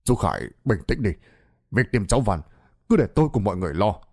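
A man voicing a calm, authoritative village chief in a spoken tale, firm and commanding. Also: lowish voice, quick pace, no room sound, studio quality, voice pushed down.

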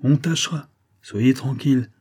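A man's voice: mid-range voice, moderate pace, dark tone, slightly rough, voice pushed up, lightly acted. A man voicing a cocky fairground clown who talks confidently and reassuringly.

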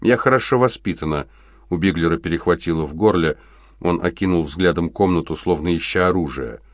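A man narrating an audiobook in a steady, even reading voice. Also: low-pitched, a little fast, no echo, studio quality.

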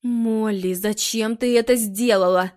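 A woman's voice: on the high side, moderate pace, mellow, lightly acted. Woman reading a worried young mother. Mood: restrained anger. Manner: firm, restrained anger. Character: worried middle-aged mother, stern then gentle.

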